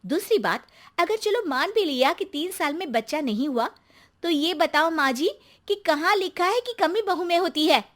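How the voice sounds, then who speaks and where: A woman's voice: very high-pitched, animated, moderate pace, pitched above the performer's own voice. A woman voicing an outspoken young married woman who answers back sharply. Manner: sharp, retorting.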